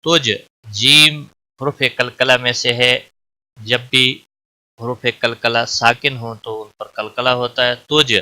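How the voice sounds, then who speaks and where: धीमे बोलने वाला तजवीद उस्ताद, पुरुष. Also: male voice, mid-range voice, steady tone, sharp tone. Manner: slow, explains each letter then recites it drawn out. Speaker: Quran tajweed teacher. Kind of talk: recorded recitation lesson.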